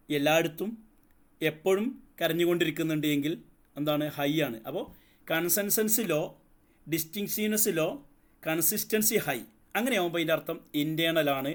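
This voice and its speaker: A man teaching a psychology lesson, explaining step by step, asking the class questions and mixing in English terms. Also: a little high. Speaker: psychology tutor. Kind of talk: lecture.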